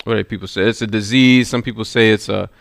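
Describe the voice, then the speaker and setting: A man's voice: on the low side, fairly even intonation, fast talker, gravelly, a bit bright, dry recording. Man preaching a sermon, dry sound. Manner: storytelling, with rising intensity and repeated "right?".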